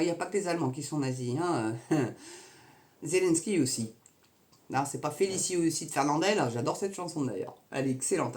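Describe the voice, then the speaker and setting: A woman vlogger from Normandy with a fairly low voice that rises and falls animatedly. She talks casually and scornfully, full of slang and sarcasm, addressing her viewers as if chatting across a table. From Normandy, France. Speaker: vlogger commenting on the news. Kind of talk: casual political rant to camera.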